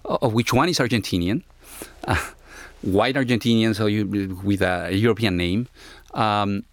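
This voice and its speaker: A middle-aged Ecuadorian university academic, speaking with an Ecuadorian Spanish accent, answers interview questions reflectively, in a halting, searching way. His voice is fairly low, with no echo.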